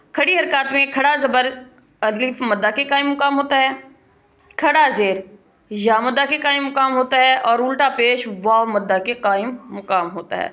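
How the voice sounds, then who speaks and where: Woman, tajweed teacher, fairly high voice, patient, careful letter demonstrations. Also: sharp tone. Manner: patient, repeats points, demonstrates letter sounds slowly and clearly. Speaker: Quran recitation teacher. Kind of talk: tajweed lesson.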